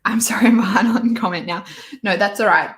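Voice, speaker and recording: A woman's voice: medium pitch, fairly quick, a bit bright. Chatty woman in an echoey room. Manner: chatty, opinionated, full of fillers and restarts. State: hiccups and sneezy. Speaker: beauty YouTuber host. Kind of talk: casual livestream chat reviewing releases.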